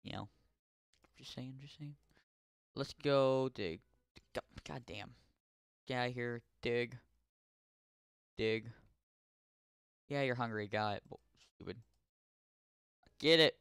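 A young man casually commenting on his gameplay, chatting to in-game characters and yelling curses when startled. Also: mid-range voice, steady tone, slow pace, gravelly, long pauses, smooth, dry recording, studio quality. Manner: yells and swears when startled. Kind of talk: casual let's-play commentary.

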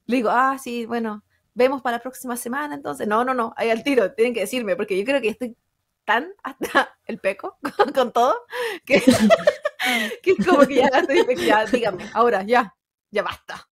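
A woman in her thirties with a Chilean accent tells stories with animated energy. Her voice sits a little high, and she laughs often and drops casual slang as she talks with a friend on a podcast. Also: moderate pace. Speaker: podcast co-host. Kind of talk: casual chat.

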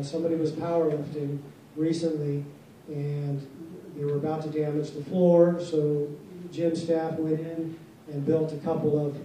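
A man leading a town hall meeting as base commander, answering questions in a measured, formal, plainspoken way before a seated audience. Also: on the high side, warm tone. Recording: echoey hall from far off, faint noise.

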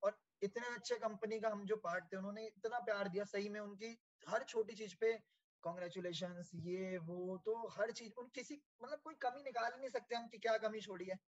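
Man, high voice, earnest grateful testimonial, code-switching, dull lo-fi recording. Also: normal speed. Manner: earnest, grateful, mixes Hindi with English phrases. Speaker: sales manager sharing his experience. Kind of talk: heartfelt testimonial talk. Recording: dull lo-fi audio.

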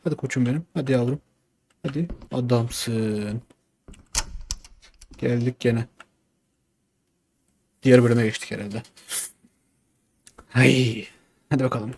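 A man's voice: mid-range voice, fairly even intonation, normal speed, creaky, long pauses, a little mellow, a little hiss or hum. A young man casually commenting on a game as he plays, coaxing and cursing at it while talking to himself. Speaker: gaming YouTuber. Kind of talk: casual let's-play commentary.

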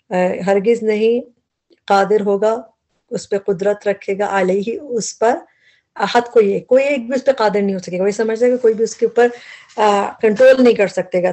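A woman a mellow, warm voice walks students through a Quran lesson word by word. She explains each root word patiently, often repeating and correcting herself mid-phrase. Her speech mixes in throughout. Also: medium pitch.

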